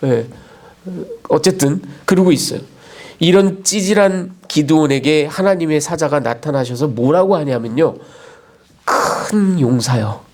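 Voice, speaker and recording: Higher-voiced pastor chatting through a sermon. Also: male voice, normal speed, a little mellow. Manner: conversational, seeks nods with rhetorical asides.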